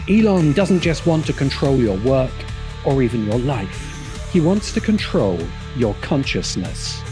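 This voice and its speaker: Delivering a scripted polemic as a video essay host, a man sounds dramatic, scornful and emphatic over a background music bed. His voice is mid-range and sing-song, with a measured pace.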